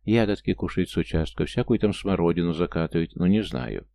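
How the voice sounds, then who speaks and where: A man voicing a gruff, slangy street informant in an audiobook. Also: sits low, brisk, dark tone. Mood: offhand. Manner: slangy, laid-back.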